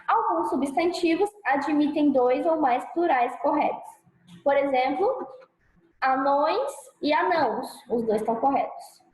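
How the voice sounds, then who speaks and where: High-voiced Brazilian woman teaching grammar. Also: echoey room, poor audio. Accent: Brazilian Portuguese. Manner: sounds out example words slowly and loudly; checks in often with "tá?" and "né?". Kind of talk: classroom grammar lesson. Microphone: clip-on mic.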